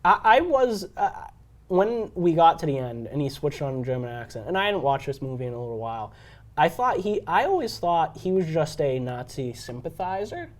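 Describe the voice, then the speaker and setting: A man's voice: a little high, big pitch swings, normal speed. A young man co-hosting a casual film podcast, explaining his take in a rambling way with lots of fillers. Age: young adult. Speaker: podcast co-host. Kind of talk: casual chat.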